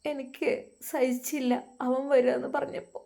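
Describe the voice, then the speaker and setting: A tearful young wife pleads hesitantly in a soft, quiet voice, as a woman puts her on. The voice is pitched higher than the performer's own and a little hushed, with a Malappuram Malayalam accent. It is a storytelling performance. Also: flat delivery, moderate pace, vocal fry. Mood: hurt. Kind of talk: storytelling voice acting.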